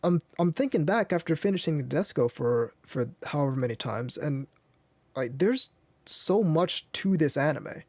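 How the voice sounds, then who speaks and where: A man hosting an anime podcast in casual chat, talking in halting bursts with many restarts. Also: a little high, lively intonation, a little mellow, no room sound. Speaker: podcast host.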